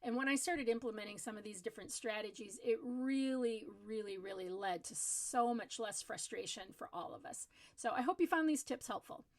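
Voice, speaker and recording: A woman's voice: fairly high pitch, moderate pace, hardly any pauses. A middle-aged woman giving parenting tips as the host of her own advice channel, talking casually to the camera in an earnest, explanatory way and repeating words for emphasis.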